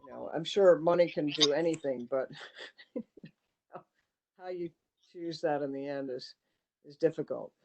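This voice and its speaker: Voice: mid-range voice, unhurried, creaky, long pauses, a little mellow. Rambling committee chair on a video call. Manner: rambling, thinking aloud with many fillers. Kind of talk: online town committee meeting.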